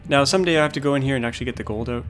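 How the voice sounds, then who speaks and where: Calm and low-key, a man offers unhurried, casual gameplay commentary on a livestream, thinking aloud as he plays. Faint music plays in the background.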